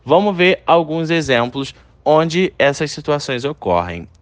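A man's voice: fairly high pitch, very animated, measured pace, dry recording. A young adult man with a Brazilian Portuguese accent teaching an online English lesson, chatty and speaking straight to his students. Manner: upbeat, chatty, addresses students directly.

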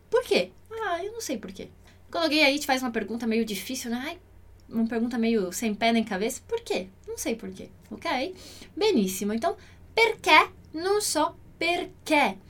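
A woman teaching an online language lesson, modeling pronunciation by repeating words slowly and clearly. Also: high voice, fairly bright tone. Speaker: Italian teacher.

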